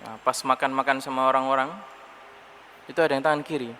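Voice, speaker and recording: Animated bright-voiced man preaching in a hall. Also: medium pitch, quick pace. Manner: animated storytelling, acting out quoted voices. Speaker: preacher teaching hadith. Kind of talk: mosque study lecture. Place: mosque. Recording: long hall reverb with faint noise.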